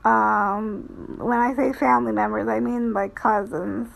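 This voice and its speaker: Slow, creaky-voiced woman chatting hesitantly. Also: a little high, fairly even intonation, low-quality recording. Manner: halting, hesitant, trailing phrases. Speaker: VTuber streamer. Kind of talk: casual rambling commentary on cartoons.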